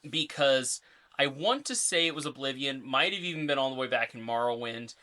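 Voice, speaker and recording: A man's voice: mid-range voice, animated, fairly quick, pushed and bright. Rambling male podcast co-host. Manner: explains game lore in a loose, rambling way. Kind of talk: casual chat.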